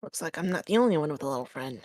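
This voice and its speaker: A woman's voice: low voice, animated, racing, a little mellow, no echo, clean studio sound. A woman playing a tabletop role-play game in character, a little prim and questioning.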